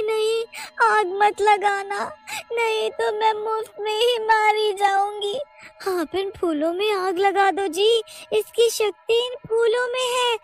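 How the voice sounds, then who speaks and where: A woman voicing an excitable young village wife who exclaims shrilly and panics easily. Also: extremely high pitch, pitched above the performer's own voice.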